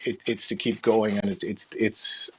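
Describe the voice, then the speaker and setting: A middle-aged man with an Irish accent speaks in a fairly low voice over faint background noise. He answers as an interview guest, talking conversationally and circling back over his words as he explains. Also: little pitch movement, unhurried, rough recording. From Galway, Ireland. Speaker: interview guest, freelance theatre production manager.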